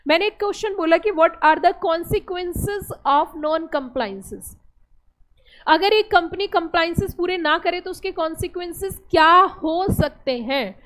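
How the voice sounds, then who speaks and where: Young indian woman teacher, very high voice, keeps quizzing the class as she explains. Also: lively intonation, slow pace. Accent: Indian English. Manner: explains step by step, asks the class questions. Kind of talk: classroom lecture.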